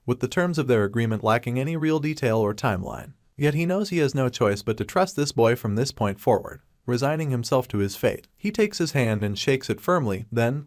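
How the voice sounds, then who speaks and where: A man giving a steady, scripted narration of a story recap. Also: medium pitch, dry recording, clean studio sound.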